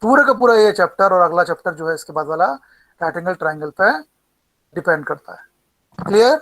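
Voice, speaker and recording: Guy teaching trig to a class, says formulas again n again slow, checks if kids got it. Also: sits high, a bit bright, low-quality recording. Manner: repeats key formulas slowly, calls students by name and "beta". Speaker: math teacher. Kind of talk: live class teaching, Hindi-English mix.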